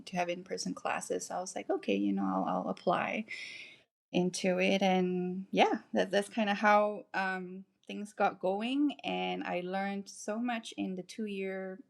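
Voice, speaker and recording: A woman in her forties who grew up in Malaysia chats as a guest composer in a relaxed interview. She talks at an easy, middling pitch, laughs often and restarts her sentences as she goes. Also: vocal fry. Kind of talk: casual interview.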